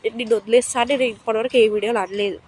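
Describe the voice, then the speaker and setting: A woman's voice: on the high side, fairly even intonation, rapid-fire, husky. A young woman with a Telangana Telugu accent scolding and threatening her partner in a heated argument outdoors in public. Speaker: vlogger.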